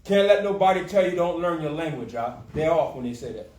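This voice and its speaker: This class leader's voice is on the high side with a darkish tone, and he talks a little fast with lively intonation. Teaching scripture casually, he goes over his points again and again, checks understanding with quick tag questions, and punctuates with "okay" and "huh." It's recorded at a distance in an echoey room.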